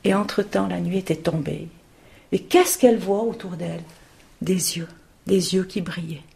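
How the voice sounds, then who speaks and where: Brief: female oral storyteller, expressive fairy-tale telling, gravelly voice, questions to the listeners. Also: on the low side, moderate pace.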